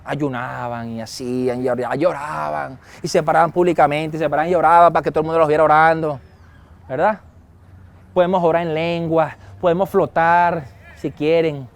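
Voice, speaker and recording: Man, pastor, high voice, lively sermon, acted-out dialogue. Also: moderate pace, creaky. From Venezuela. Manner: lively, acts out quoted dialogue and chuckles often.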